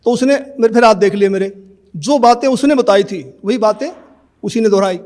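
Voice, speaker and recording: A man's voice: sits high, brisk, a little mellow. A man in his fifties giving an earnest personal testimony in an interview, telling his story and acting out remembered conversations. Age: 50s.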